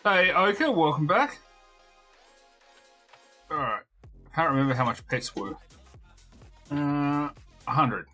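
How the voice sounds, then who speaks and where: Man streamer, hoarse voice, fairly high pitch, bright tense tone, chatty, faint music behind. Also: lively intonation, takes it slowly, long pauses. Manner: chatty, greets viewers while playing. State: hoarse, losing his voice. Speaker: game streamer. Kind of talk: casual live-stream chat.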